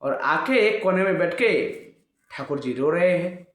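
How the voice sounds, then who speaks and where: A man telling a devotional story as a sermon, lively and acting out every character himself. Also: high voice, a little slow. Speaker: religious storyteller. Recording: echoey room.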